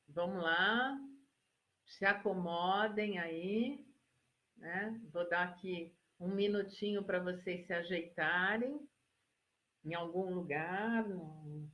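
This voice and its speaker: A Brazilian woman who works as a psychologist, giving a live-stream relaxation lesson and talking listeners through slow breathing in a soothing way. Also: lowish voice, dull audio. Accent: Brazilian Portuguese. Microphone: phone or laptop mic for a live stream.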